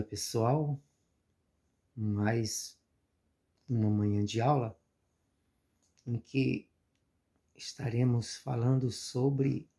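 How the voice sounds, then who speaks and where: A man's voice: mid-range voice, gravelly, dark tone. A man teaching a lesson, patiently repeating example words and asking rhetorical questions. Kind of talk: slow classroom explanation.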